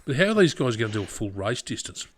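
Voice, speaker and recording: A man's voice: mid-range voice, sing-song, fast talker, a little hiss or hum. A man co-hosting a casual motorsport podcast, chatty and leading into new topics. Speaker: podcast co-host.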